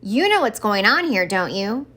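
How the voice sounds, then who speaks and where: Reading a children's storybook aloud, a woman voices a mopey, suspicious, stubborn old Santa Claus with dramatic insistence. Her medium-pitched voice is bright and forceful, swinging widely in pitch at a normal speed.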